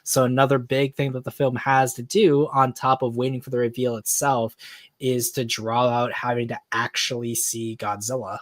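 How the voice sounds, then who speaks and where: A man explaining his view in a casual panel podcast, steady and thorough. His voice sits at an ordinary pitch. The sound is dry and close to the mic. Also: normal speed, no echo. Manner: explanatory, teasing.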